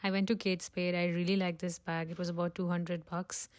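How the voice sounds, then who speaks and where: Chatty woman vlogger, lowish voice. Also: little pitch movement, fairly quick. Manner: chatty and upbeat, talks straight to viewers. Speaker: lifestyle vlogger. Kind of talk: casual vlog chat.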